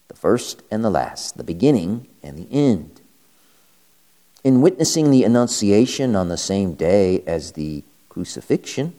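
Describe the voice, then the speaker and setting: Male priest, deep pitch, mellow timbre, solemn homily and scripture reading, measured pauses. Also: gravelly.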